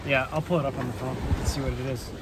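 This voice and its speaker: Man vlogging over clear boat noise. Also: medium pitch, steady tone, rapid-fire. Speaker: sailing vlogger. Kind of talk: casual narration to camera. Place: outdoors on a sailboat under way. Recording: loud boat and water noise.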